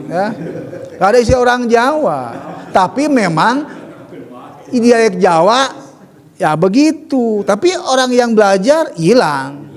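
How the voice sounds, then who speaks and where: A man teaching Quran recitation in a casual lesson, correcting pronunciation by slowly modeling sounds. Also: high voice. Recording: reverberant hall.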